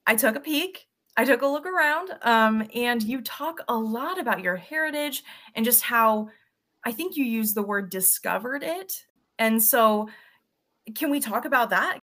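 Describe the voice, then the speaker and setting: A woman hosting a podcast interview, chatting casually and warmly affirming her guest. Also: a little high. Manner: enthusiastic, affirming. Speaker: podcast host.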